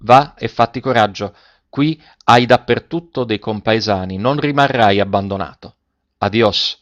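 A man reading aloud and voicing a kind, resolute grey-bearded older gentleman. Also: on the low side, a little slow, highs cut off. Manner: kind and resolute, speaks with authority.

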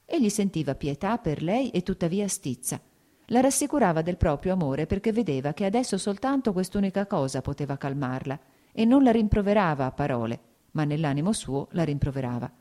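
Low, mellow woman narrating an audiobook. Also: sing-song, brisk.

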